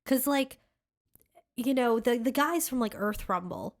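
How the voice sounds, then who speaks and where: Expressive and fairly high-pitched, her voice keeps a measured pace as she co-hosts a podcast. She sounds congested, chatting casually and rambling with plenty of fillers and restarts.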